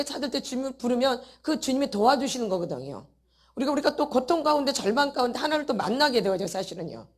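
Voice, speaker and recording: A woman teaching a church congregation about addiction. She keeps asking rhetorical questions, repeats key words for emphasis, and acts out people's inner thoughts in a casual voice. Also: high-pitched. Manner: asks the audience many rhetorical questions. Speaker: church deaconess giving a teaching talk.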